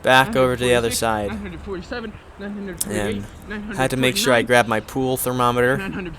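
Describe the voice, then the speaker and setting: A man's voice: mid-range voice, animated, normal speed, a crowd in the background. A man giving casual voice-over commentary on his own vlog, rambling and self-mocking, full of fillers. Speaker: vlogger.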